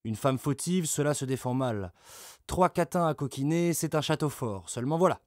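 A man's voice: fairly high pitch, animated, moderate pace, dry recording, studio quality, natural voice. Man voicing a raging, blustering medieval lord. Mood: scheming. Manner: loud, coarse and vehement. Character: brawny furious medieval male lord, blustering.

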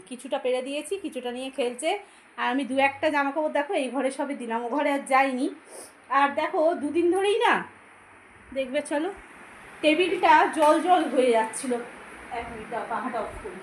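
A woman's voice: high voice, echoey room, poor audio. Chatty woman vlogging at home. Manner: chatty, addresses viewers as friends; talks softly at times, walking around the home. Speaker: vlogger, homemaker. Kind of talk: casual vlog chat to viewers. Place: home, indoors.

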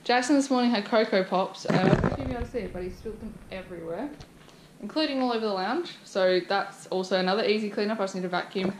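A young woman rambles casually through her untidy house, full of ums and likes, filmed on a handheld action camera. Her voice sits mid-range for a woman, with clear background noise running under the recording. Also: mid-range voice, quick pace. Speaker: vlogger. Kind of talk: casual house-tour chat. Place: messy family house, indoors. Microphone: wide-angle action camera carried by hand.

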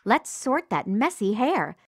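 A woman's voice: a little high, very animated, unhurried, no echo, clean studio sound, heavily acted. A woman voicing a perky, encouraging narrator for a children's makeover game, in an exclamatory, sing-song way. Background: music.

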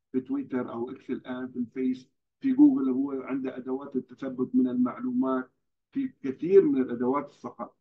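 A man's voice: medium pitch, creaky. Male lecturer, earnest cautionary delivery, muffled lo-fi recording. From Libya. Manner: earnest, cautionary, pleads with students.

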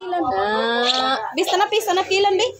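A woman's voice: very high-pitched, big pitch swings, unhurried, over a noisy crowd. A woman with a Filipino accent films a toddler at home and coaches him in a sing-song voice, repeating each prompt over and over. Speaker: caregiver filming a toddler.

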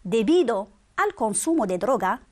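Slow, patient woman teaching grammar. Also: on the high side, sing-song. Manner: slow, patient drilling with quiz questions. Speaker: Spanish teacher. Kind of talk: grammar lesson.

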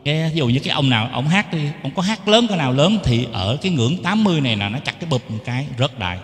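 A man's voice: medium pitch, lively intonation, fast. Man demonstrating mic settings, echoey. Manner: explains settings, then tests the mic with sung syllables. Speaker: keyboard sound tutor. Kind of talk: casual how-to demonstration. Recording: echoey room with long reverb.

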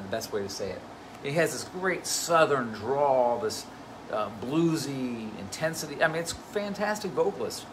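A man who plays bass and directs a band, telling stories in a casual live question-and-answer chat, loose and full of fillers. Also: background noise. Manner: chatty, anecdotal, loose with fillers. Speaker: bassist and band musical director.

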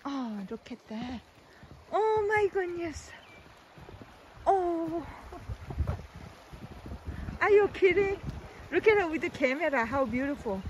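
A woman's voice: very high-pitched, very animated, takes it slowly, long pauses, a little hiss or hum. A middle-aged woman chatting on a forest hike, often exclaiming and laughing, with simple non-native phrasing, recorded outdoors on a handheld phone. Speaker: vlog host. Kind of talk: casual hiking chat.

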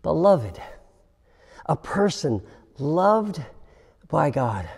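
A man preaching a sermon as pastor, slow and reflective, with dramatic pauses and hushed emphasis. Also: mid-range voice, animated, vocal fry. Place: church sanctuary. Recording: long reverb of a church hall.

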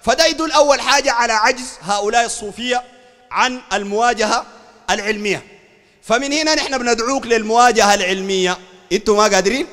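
A man's voice: extremely high pitch, fast, fairly bright tone. A Sudanese sheikh with a Sudanese Arabic accent giving a heated polemical religious lecture, fiery, raising his voice and asking listeners again and again whether they understand. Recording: long hall reverb.

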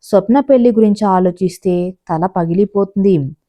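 Stern, irritable older mother-in-law, voiced by a woman narrator in a storybook audio tale. The voice is mellow and dark-toned, kept at an ordinary middle pitch, with a sharp, scolding edge. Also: moderate pace, lightly acted. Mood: irritated.

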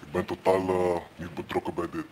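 A man speaking a brief, halting courtroom statement as a suspect, his voice electronically distorted and pitched down to hide who he is. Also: level tone, darkish tone, a little hiss or hum. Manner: halting, with hesitant fillers.

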